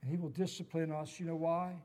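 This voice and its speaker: A middle-aged male pastor delivering a sermon in an earnest, emphatic way. His voice sits somewhat high for a man, and he drives points home by repeating them. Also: flat delivery, a little fast, mellow, long reverb tail. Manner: earnest preaching with emphatic repetition.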